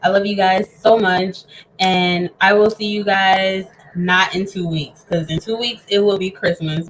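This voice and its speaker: A woman's voice: medium pitch, a little hiss or hum, poor audio. A woman hosting a casual home cooking show, chatting eagerly with her viewers as friends while she eats with her mouth full. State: eating, talking with mouth full.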